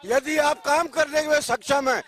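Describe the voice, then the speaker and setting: Male panelist, very high-pitched, lecturing and repetitive. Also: fairly even intonation, moderate pace, fairly bright tone. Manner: lecturing, repeating his points. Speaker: debate panelist, ruling party side. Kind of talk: TV news debate argument.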